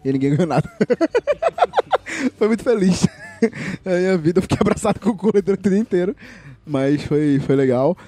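A man co-hosting a casual podcast, telling stories lively and laughing often. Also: sits high, moderate pace, pauses often, breathy edge. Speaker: podcast co-host.

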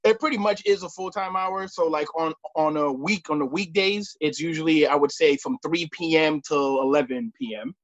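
This late-thirties American referee, interviewed on a podcast, speaks casually in a halting way, often going back over the same words and phrases. His voice runs on the high side, in a dry recording with dull audio.

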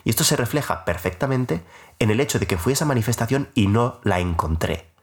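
A man's voice: on the low side, expressive, a little fast. A young man in his twenties hosting a podcast, telling a personal story in a casual, rambling, self-mocking way with many filler sounds.

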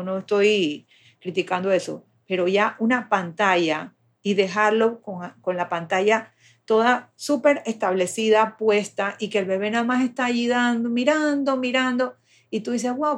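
A woman's voice: mid-range voice, moderate pace. A woman explaining child development step by step in a patient, conversational way.

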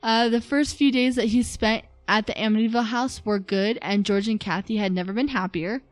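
A woman with a fairly high voice speaks fairly quickly on a dry recording. Hosting a casual podcast, she tells a story from her notes in a chatty way, laughing and using some fillers.

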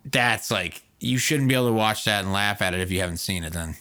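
Bright-voiced, profane, teasing man. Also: on the low side, fast. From United States. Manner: profane, mocking, animated teasing. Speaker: podcast co-host. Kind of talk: casual banter podcast.

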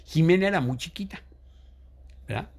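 An older man with a Mexican Spanish accent, telling family stories as an interview guest, animated, acting out what others said. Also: on the high side, moderate pace, breathy edge. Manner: animated, acts out quoted voices. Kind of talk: storytelling in a casual interview.

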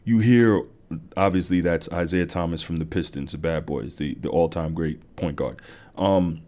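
Male podcast host, deep and mellow, easygoing storyteller with fillers. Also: moderate pace. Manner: conversational, many fillers and restarts. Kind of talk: casual monologue.

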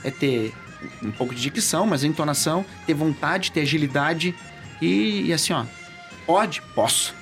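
A man with a Gaúcho Portuguese accent, a radio journalist telling stories in a casual interview, animated and acting out dialogue. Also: a little high, normal speed, soft background music. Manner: animated, acts out quoted dialogue.

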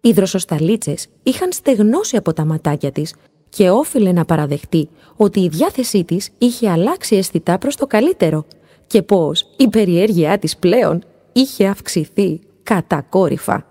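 A woman reading a children's story aloud in a gentle, expressive storytelling voice. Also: medium pitch. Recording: long hall reverb.

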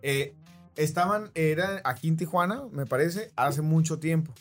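Man, Mexican accent, podcast host, casual rambling storyteller, a little high-pitched, faint music behind. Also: normal speed. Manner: rambling, keeps checking in with listeners.

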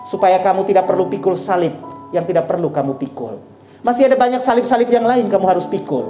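A woman's voice: mid-range voice, animated, fast, dark tone. Woman preaching a sermon in a roomy hall. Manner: exhorting, repeats phrases, frequent "Amin". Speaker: pastor. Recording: roomy hall sound with faint instrument music.

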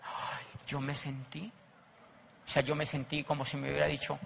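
A gravelly man with a bright, forceful tone gives a live motivational talk, telling stories and shifting from hushed asides to loud, emphatic punches. His voice rings through a large hall with long reverb, over faint room noise. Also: a little high, normal speed. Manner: animated storyteller, swings from quiet asides to emphatic bursts. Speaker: motivational speaker.

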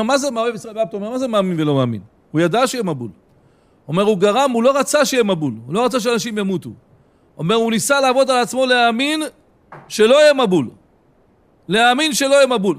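Male rabbi, Israeli Hebrew accent, Torah lecture, storytelling manner, high-pitched voice. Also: a bit bright. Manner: storytelling, retelling others' words with frequent "he says".

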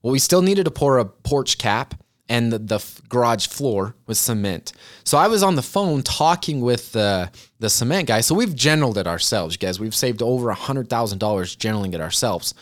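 A man's voice: mid-range voice, animated, brisk. A man in his twenties hosting a podcast, talking casually and earnestly to his listeners about goals and chatting to them like friends. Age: 20s. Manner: earnest, chatty, addresses listeners as "you guys". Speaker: podcast host. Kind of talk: casual motivational talk.

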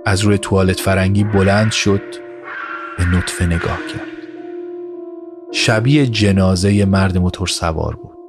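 Male narrator, low-pitched and measured, scripted story reading over a music score.

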